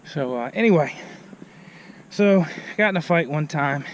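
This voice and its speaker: Winded pastor walking uphill outdoors. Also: male voice, a little high, lively intonation, unhurried, dull audio, slight background noise. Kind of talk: casual vlog message while walking. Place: outdoors on a hill.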